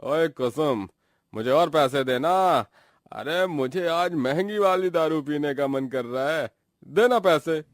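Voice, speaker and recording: A man acting out a drunken village husband in a storybook cartoon. He taunts and threatens in a high, slow drawl, with a dry, close sound. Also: animated, dry recording.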